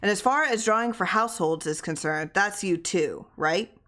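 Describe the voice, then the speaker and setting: A woman voicing a brisk, formal small-town official in a story reading, giving orderly, matter-of-fact directions. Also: medium pitch, fairly bright tone, natural voice.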